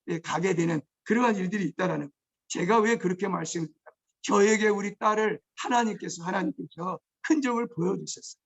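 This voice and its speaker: A male pastor preaching a testimony sermon, moving between hushed storytelling and shouted outbursts. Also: high-pitched. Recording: dull lo-fi recording.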